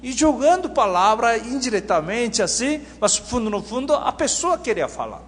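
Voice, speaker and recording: A man's voice: extremely high pitch, normal speed, big-room sound. A man preaching a sermon, leading the congregation in Bible reading and often putting questions to his listeners. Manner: animated, questions the audience often.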